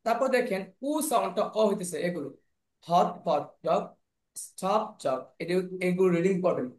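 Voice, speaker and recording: A man teaching English pronunciation in an online class, slowly repeating sounds and words over and over. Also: high voice, expressive, a little mellow. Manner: slow, repeats sounds and words many times. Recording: echoey room.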